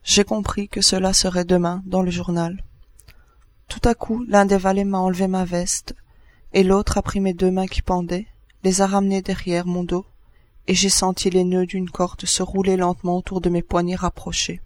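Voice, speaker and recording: A man reading a first-person literary text aloud as narrator, in a measured way with short pauses between phrases. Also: high-pitched, little pitch movement, no echo.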